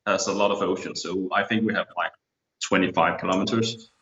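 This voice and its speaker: This Danish photographer in his thirties speaks easygoing English with a Danish accent as a guest in a relaxed video-call interview. His voice is low and steady, brisk and a bit bright. The video-call audio sounds roomy and slightly dull, with a little hiss or hum.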